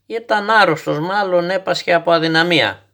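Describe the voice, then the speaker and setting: A man voicing a fanciful, stubborn old grandfather who calmly tells a child tall tales in a storybook reading. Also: sits high, voice pushed up. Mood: patient. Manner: calm, gently instructive, tall-tale telling.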